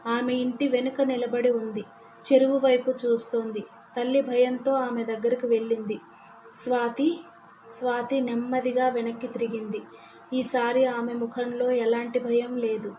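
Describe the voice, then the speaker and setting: A woman telling a scripted horror story in a steady, measured way. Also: a little high, slight background noise, low-quality recording.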